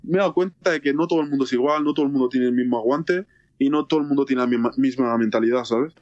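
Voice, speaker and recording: Halting young man, dry lo-fi sound. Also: mid-range voice, a little mellow, dry recording. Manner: halting, repeats words, candid. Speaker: podcast co-host. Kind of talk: casual chat.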